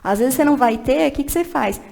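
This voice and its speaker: A woman with a fairly high voice talks animatedly about leading children's church work. She laughs easily and presses her points with emphatic, preachy encouragement in a casual podcast chat. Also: animated, quick pace, vocal fry, a little mellow. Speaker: children's ministry director, podcast guest.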